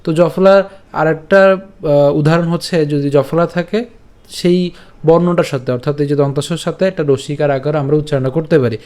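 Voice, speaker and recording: A man's voice: fairly high pitch, a little mellow. Patient Bengali-accented male teacher. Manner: patient, repeats syllables slowly, checks in with "okay?". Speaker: Gita recitation teacher. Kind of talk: step-by-step pronunciation lesson.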